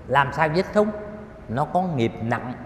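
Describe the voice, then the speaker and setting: A man giving a colloquial, emphatic Buddhist dharma talk, telling stories with drawn-out filler particles. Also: sing-song. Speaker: Buddhist lecturer. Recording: echoey hall with faint rumble.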